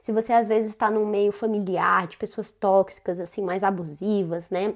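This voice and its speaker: A woman's voice: medium pitch, steady tone, moderate pace. A woman with a Brazilian Portuguese accent giving casual self-development advice, talking conversationally and often tagging her sentences with questions. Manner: conversational, frequent tag questions.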